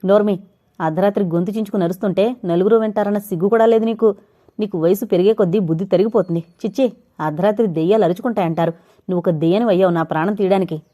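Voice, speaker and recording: A woman narrator voicing an angry young husband who drinks, shouting curt replies at his wife in an audio novel. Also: mid-range voice, fast, close to an everyday voice.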